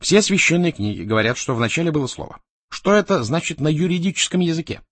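A scheming, fast-talking tycoon from a storybook, as a male reader puts him on, pitched high and pressed loud. The voice swoops widely and keeps a husky grain. It is recorded close and dry. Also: very animated, dry recording. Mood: persuasive.

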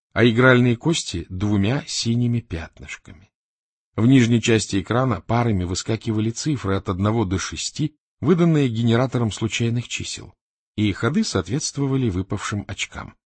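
Male narrator, medium pitch, husky, lively expressive reading, dry close mic. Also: moderate pace, no room sound. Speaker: audiobook narrator.

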